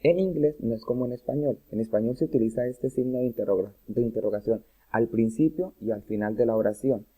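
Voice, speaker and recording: A male teacher giving a recorded grammar lesson to students, patient and explanatory, pausing often to check that they follow. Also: mid-range voice, dark tone. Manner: patient, checks in with "¿listo?" after each point. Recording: phone-like narrow audio.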